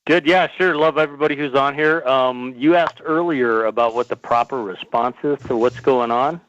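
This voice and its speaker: Calm male caller heard over a muffled phone line, dry and level-voiced. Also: mid-range voice, normal speed, dry recording. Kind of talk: call-in chat.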